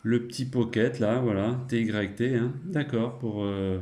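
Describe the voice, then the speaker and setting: With a warm, mid-range voice and a measured pace, a middle-aged man talks as an amateur radio operator, relaxed and colloquial, chuckling and tacking tag words onto his sentences. The room sound is spacious and echoey.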